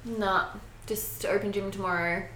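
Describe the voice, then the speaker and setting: A woman's voice: mid-range voice, fairly even intonation, unhurried, pushed and bright. A woman gym coach in a casual chat, brief and matter-of-fact. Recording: echoey room.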